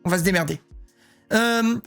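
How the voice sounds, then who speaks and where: A man's voice: sits high, moderate pace, vocal fry, fairly bright tone, smooth, faint music behind. A man streaming live, chatting casually and joking while he reads his chat aloud.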